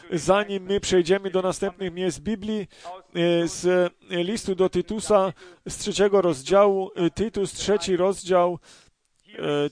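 Male preacher, high-pitched, hesitant sermon delivery with many fillers. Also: darkish tone. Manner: halting, many fillers and restarts; asks the congregation questions. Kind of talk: sermon with scripture reading.

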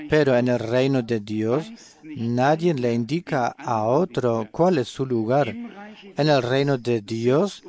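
A man delivers a sermon at an unhurried, deliberate pace. His voice sits at an ordinary middle pitch. He pauses often and fills the gaps with hesitant "eh" sounds as he searches for words. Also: darkish tone. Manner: slow, measured delivery with frequent hesitations. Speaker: preacher.

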